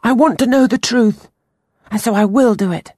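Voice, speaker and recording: A woman voicing an earnest, solemn ten-year-old boy who speaks in a high, urgent way. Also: moderate pace, mellow, no room sound, clean studio sound, lightly acted.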